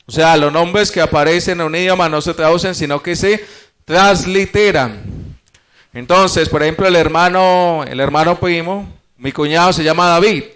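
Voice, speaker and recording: Guy teaching bible study at church, kinda high voice, asks questions then answers them himself. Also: normal speed, fairly bright tone, clean tone. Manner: explains step by step with rhetorical questions; addresses the audience as brothers.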